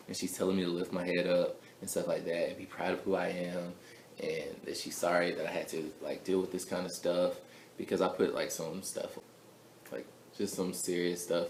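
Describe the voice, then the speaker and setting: A man's voice: deep voice, creaky, a little hiss or hum. A young man telling a personal story to camera in a casual, chatty vlog, full of filler words. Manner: chatty, full of "like" fillers, soft mumbles between louder bursts. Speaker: vlogger. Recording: echoey room with faint ambience.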